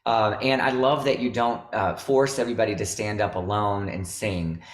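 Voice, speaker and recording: Chatty low-voiced man on a video call. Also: steady tone, normal speed, roomy sound. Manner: rambling, chatty, many fillers. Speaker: host, veteran music teacher. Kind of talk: casual video-call chat.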